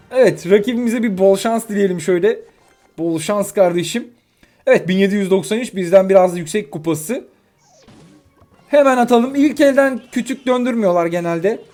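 A young man giving live commentary on his own mobile game matches, excitable and quick to vent frustration at his opponents. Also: sits high. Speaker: gaming YouTuber. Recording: faint music behind.

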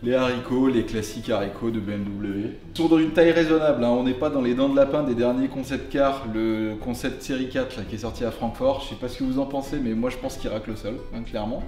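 A man's voice: mid-range voice, quick pace, few pauses, a little mellow. A man hosting a casual car video with a tongue-in-cheek manner, full of slangy joking asides. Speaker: host of a car show. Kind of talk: casual scripted car presentation to camera. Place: garage, indoors. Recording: roomy garage echo, faint music behind.

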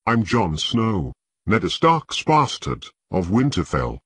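A man voicing a steady young sword-trainee who speaks calmly and reassuringly. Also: on the low side, takes it slowly, husky, no room sound, heavily acted.

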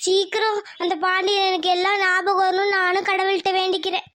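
Someone voicing an excitable young friend. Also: very high voice, fairly quick. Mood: urgent. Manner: excitable, urgent. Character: young village woman, excitable loyal friend.

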